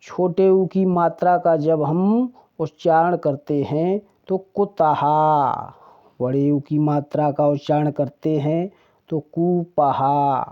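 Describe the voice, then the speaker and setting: A teacher walks through the alphabet very slowly, drawing out each sound with care. The voice sits at a middle pitch. The recording is dull and lo-fi. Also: fairly even intonation. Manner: deliberate, drawn-out pronunciation of each sound. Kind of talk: Hindi alphabet lesson.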